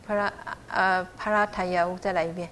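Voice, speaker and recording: A woman's voice: on the low side, fairly even intonation, fairly bright tone, slight background noise. Patient woman coaching chant pronunciation. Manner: patient and encouraging, sounds out syllables slowly. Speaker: chanting teacher. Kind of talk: pronunciation lesson.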